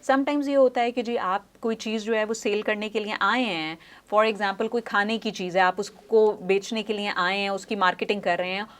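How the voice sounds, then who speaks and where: Studio interview में एक महिला स्पीच पैथोलॉजिस्ट, जो उदाहरण देकर धीरे-धीरे समझाती है और बीच-बीच में अंग्रेज़ी वाक्यांश बोलती है।. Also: female voice, mid-range voice, steady tone, moderate pace, hardly any pauses. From Pakistan. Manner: explanatory, uses examples, mixes English phrases. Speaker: speech pathologist guest. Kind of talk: studio interview, explaining. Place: news studio.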